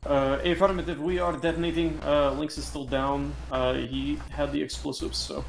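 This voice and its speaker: Echoey higher-voiced man coaching in game chat. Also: steady tone, normal speed, gravelly, slight background noise. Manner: swears casually. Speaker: player teaching a teammate the medic steps. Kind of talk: casual in-game voice chat, instructing.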